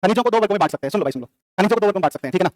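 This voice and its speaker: Male classroom teacher, rapid-fire drilling, high voice, dry close sound. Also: animated, dry recording. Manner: quizzes students, answers his own questions; fast, repetitive drilling. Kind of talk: classroom lecture.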